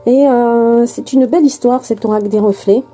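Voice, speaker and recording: A woman's voice: on the high side, fairly even intonation, normal speed, warm tone, soft background music, low-quality recording. A woman from France chatting casually and hesitantly while unboxing a card deck, with many fillers and restarts. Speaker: tarot and oracle card vlogger.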